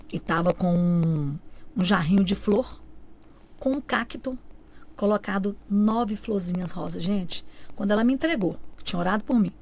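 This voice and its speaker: In a radio studio, a female guest gives an emotional personal testimony, animatedly acting out the quoted lines of family and friends. Her voice is mid-range and creaky.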